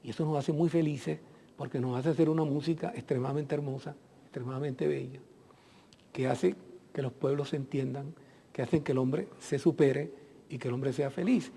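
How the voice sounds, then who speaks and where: A man's voice: mid-range voice, fairly even intonation, moderate pace, vocal fry, warm tone, slight background noise. A middle-aged man from Venezuela, a consular guest on a TV interview, speaking earnestly in long reflective lists. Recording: long hall reverb.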